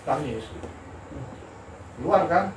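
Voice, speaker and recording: A man's voice: a little high, very slow. Older man telling stories in an echoey room. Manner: animated, candid, laughs while telling stories. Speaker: architect and lecturer. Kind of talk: informal talk with storytelling. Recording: roomy, distant mic with noisy ambience.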